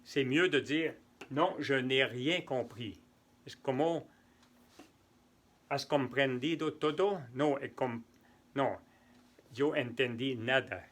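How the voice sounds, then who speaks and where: Male tutor for a bilingual French lesson; unhurried delivery, bright voice. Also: medium pitch. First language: neither French nor Spanish. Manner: slow, patient, repeats examples and translates into Spanish. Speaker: French teacher.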